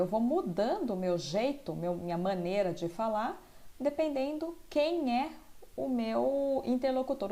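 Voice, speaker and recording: A woman's voice: a little high, vocal fry, dark tone. A woman teacher explaining a school lesson, often checking in with tag questions.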